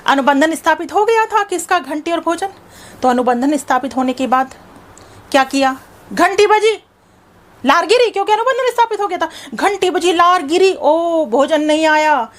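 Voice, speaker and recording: A woman teaching a psychology lesson, asking her students questions and answering them herself, then repeating a definition more and more slowly with heavy stress on key words. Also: extremely high pitch, animated.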